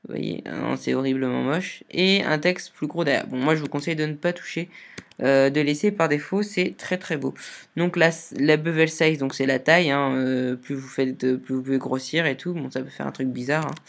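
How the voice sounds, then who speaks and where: A woman talking through a software tutorial in a casual, chatty way, explaining step by step and often hesitating. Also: rumbling low, moderate pace, creaky. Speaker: video tutorial maker.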